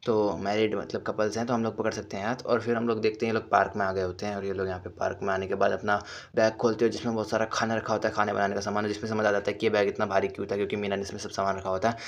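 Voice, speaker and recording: A man recaps a cartoon story in a casual, rapid run-on style, with one event spilling into the next. His voice stays flat and even throughout. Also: lowish voice. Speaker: anime recap narrator.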